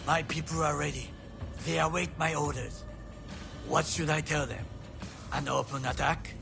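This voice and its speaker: An actor playing a stern, loyal bodyguard in a video game, speaking gravely and formally. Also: male voice, a little high, little pitch movement, moderate pace, music in the background. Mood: grimly resolute. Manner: grave, clipped, formal phrasing. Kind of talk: dramatic video game acting.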